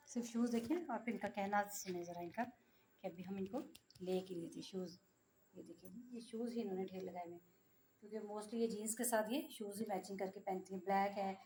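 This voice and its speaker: A woman's voice: mid-range voice, darkish tone, a little hiss or hum. A middle-aged woman from Pakistan vlogging casually, talking to her viewers in an exasperated, complaining way. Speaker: vlogger, mother. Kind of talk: casual vlog monologue.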